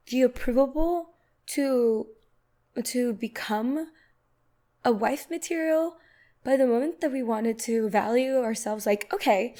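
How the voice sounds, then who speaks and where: A young woman hosting a reaction video, talking back to a clip in a lively, casual way and laughing often. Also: fairly high pitch.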